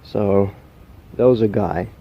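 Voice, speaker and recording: A man playing an unhinged, socially awkward killer confessing to camera in halting, rambling speech, with trouble pronouncing his R's. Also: fairly low pitch, breathy edge, dull audio, exaggerated voice. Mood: wistful, halting. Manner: halting, rambling, stammering, with odd chuckles.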